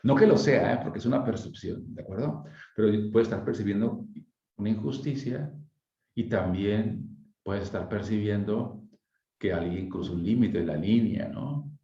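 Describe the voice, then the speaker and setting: A man with a deep, gravelly voice talks conversationally, asking rhetorical questions as he explains. His tone is dark and mellow. The sound is dull and lo-fi, with noticeable room echo. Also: normal speed. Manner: reflective, asks rhetorical questions, frequent tag questions. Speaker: speaker on emotional wellbeing.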